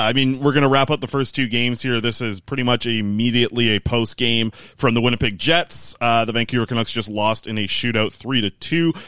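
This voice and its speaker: A man with a mid-pitched voice that is slightly coarse and hoarse leads a laid-back podcast conversation. The recording is dry and close, with no room sound around him. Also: dry recording. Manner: relaxed, steering the talk. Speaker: podcast co-host. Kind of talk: casual sports podcast chat.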